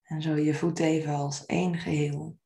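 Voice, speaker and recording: Over poor audio, a woman guides a meditation at normal speed, soft and soothing in tone. Her voice is low and very level, creaky as phrases finish, and her phrasing is gentle and unhurried.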